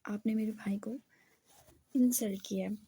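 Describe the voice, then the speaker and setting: Woman reader doing a proud, irritated young bride; warm, husky tone. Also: mid-range voice, fairly even intonation, a little slow. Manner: sharp and irritated.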